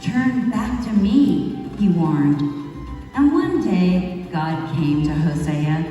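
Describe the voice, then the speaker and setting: A woman performing a first-person monologue as a wayward young biblical wife who has become remorseful, telling her story slowly and reflectively with dramatic pauses. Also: sits low, big pitch swings, dark tone, exaggerated voice. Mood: regretful. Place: large hall at a retreat. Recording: echoey hall from far off, faint music.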